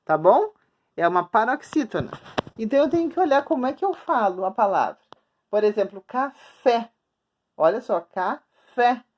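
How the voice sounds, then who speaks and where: A woman schoolteacher giving a remote grammar lesson for children, patiently repeating and slowly stretching out words for young pupils. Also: medium pitch, sing-song, a little mellow. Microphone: recording at a screen, writing on the board while talking.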